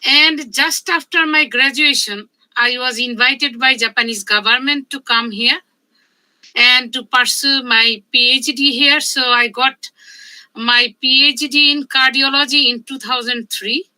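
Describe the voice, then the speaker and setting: Woman, 50s, high voice, unhurried halting speech, conference talk. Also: fairly even intonation, sharp tone, low-quality recording. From Bangladesh. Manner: halting, measured delivery with frequent pauses. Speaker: medical researcher and conference speaker. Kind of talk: conference presentation.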